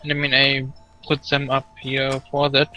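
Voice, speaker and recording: Flat-voiced, hesitant man gaming. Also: medium pitch, normal speed, slight background noise, poor audio. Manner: hesitant, lists things with many fillers. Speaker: co-player. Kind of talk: casual chat while gaming.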